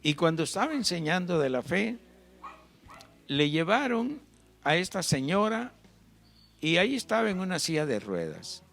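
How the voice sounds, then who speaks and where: A man's voice: high voice, very animated, normal speed, creaky, pauses often, fairly bright tone. A man preaching a sermon, emphatic and full of rhetorical questions, with his volume swinging up and down. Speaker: pastor.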